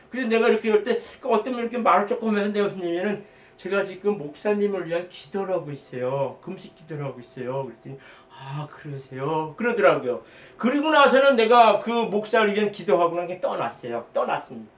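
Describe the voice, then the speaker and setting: Middle-aged guy preaching his testimony, high voice, kinda far from the mic, echoey room. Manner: earnest, rambling, emphatic, with quoted prayers. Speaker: lay preacher giving testimony. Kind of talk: spoken testimony sermon.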